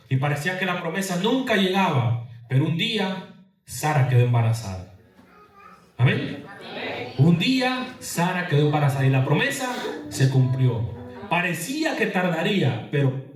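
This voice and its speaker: A man's voice: on the high side, big pitch swings, moderate pace. A man preaching a sermon as a pastor, throwing questions to his congregation and answering them. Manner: preaching with call-and-response questions. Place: church hall. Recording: echoey church hall from far off.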